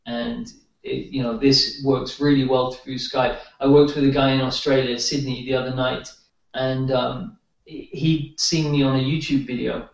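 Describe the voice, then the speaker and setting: A man's voice: medium pitch, little pitch movement, moderate pace, vocal fry. Echoey distant man telling anecdotes. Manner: anecdotal, hesitant restarts. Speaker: energy healer guest. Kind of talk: casual interview chat. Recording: echoey distant dull room sound.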